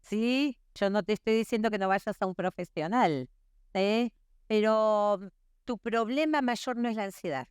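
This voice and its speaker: A woman's voice: medium pitch, measured pace, smooth, no echo, clean studio sound. A middle-aged woman, preaching earnestly at a women's conference and often checking in with her listeners. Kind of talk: sermon.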